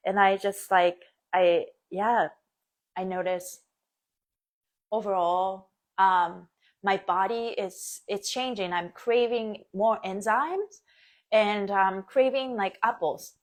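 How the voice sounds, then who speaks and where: A woman born and raised in Japan, hosting a casual live stream, chatty with frequent laughs and many fillers. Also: mid-range voice. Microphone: phone or webcam, live stream.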